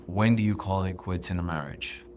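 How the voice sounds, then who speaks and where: A man co-hosting a casual podcast chat, talking in an earnest, measured, emphatic way. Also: low voice, a little mellow, slight background noise. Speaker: podcast co-host.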